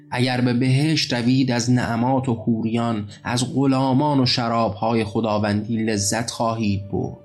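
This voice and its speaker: A man's voice: on the low side, close to an everyday voice. A man voicing a young preacher rousing his followers. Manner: slow, solemn, commanding oratory. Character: young male leader preaching holy war to followers.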